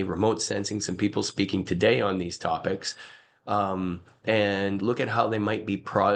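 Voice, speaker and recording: Croaky low-voiced man. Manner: hesitant, many fillers. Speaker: conference speaker. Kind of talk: conference talk.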